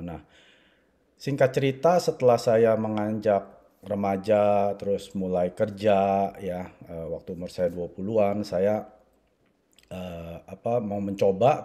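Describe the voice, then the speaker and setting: A man in his forties, originally from Indonesia, recounts his own journey to listeners in a relaxed, conversational way. His voice sits a little low and sounds very dark and mellow. He keeps tagging his sentences with small fillers. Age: 40s. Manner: conversational, frequent filler "ya" and "gitu". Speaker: network marketing speaker. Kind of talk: personal story talk to an audience.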